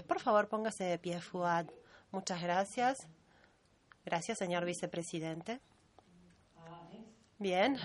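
Woman conference interpreter, slightly low pitch, measured and even delivery while relaying a roll call. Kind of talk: simultaneous interpretation at a meeting.

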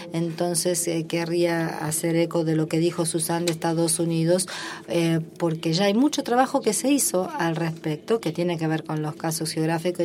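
A woman with a lowish, warm voice interprets simultaneously at a formal meeting, speaking in the first person for each speaker. Filler sounds fill her frequent pauses. Slight background noise is present.

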